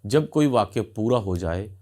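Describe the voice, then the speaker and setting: A man teaching as he narrates a scripted lecture, with a formal, measured and didactic delivery. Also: on the low side, lively intonation, darkish tone.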